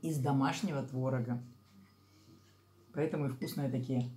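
A woman's voice: a bass voice, steady tone, normal speed, dark tone, slight background noise. A woman vlogger chatting casually to camera about her food while chewing, in a homely, rambling way. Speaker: mukbang vlogger.

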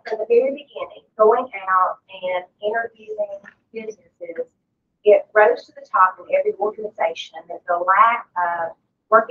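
A woman raised in the country, leading a board meeting and speaking with enthusiasm and some teasing. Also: mid-range voice. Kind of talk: meeting remarks. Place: conference room. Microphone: far room mic. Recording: distant, dull room recording with faint noise.

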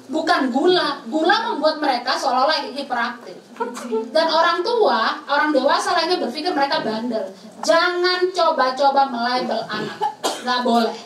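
A woman with a high, fairly bright voice speaks to students at a camp session, playing out dialogues with kids, dropping in English phrases and laughing a lot. She's recorded from a distance in a spacious hall, with a little background noise.

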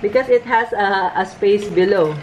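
A woman's voice: mid-range voice, moderate pace, a little hiss or hum. A woman in her thirties wearing a face mask at home, chatting through a product review with hesitant restarts. English is not her first language. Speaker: beauty vlogger. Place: home room by a bright window.

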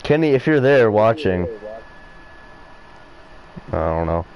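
A young man chatting over a headset as he streams a shooter, teasing his teammate in a lowish voice. His pitch swings wildly, leaping into sudden excited yelps and dropping back into mock-serious jabs. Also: takes it slowly, low-quality recording. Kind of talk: casual gaming banter.

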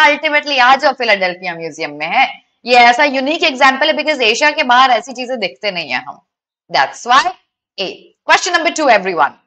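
Speaking straight to her students, a young Indian-accented woman runs an online exam class, moving between Hindi and English. Her voice sits high and sounds pushed and bright as she explains the options and fires off emphatic questions.

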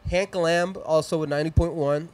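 A man in his thirties with a Mexican accent hosts a live music stream from a small, decorated indoor studio, talking into a handheld mic. His voice is fairly high, a little mellow, a little fast, and fairly even in intonation. He rambles upbeat through casual chat and shout-outs, plugging sponsors and his socials.

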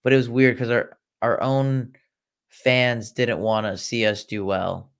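A man's voice: medium pitch, flat delivery, unhurried, clear, resonant tone. A young man from Iran hosting a casual football watchalong livestream, chatting and reacting to viewer comments with sarcastic asides. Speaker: livestream host. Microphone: laptop.

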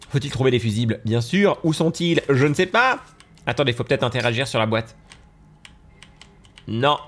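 A young man with a nasal, stuffy voice giving excitable let's-play commentary over a game, gasping and exclaiming as he goes. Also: on the high side. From France. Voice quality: nasal from allergies. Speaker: gaming YouTuber.

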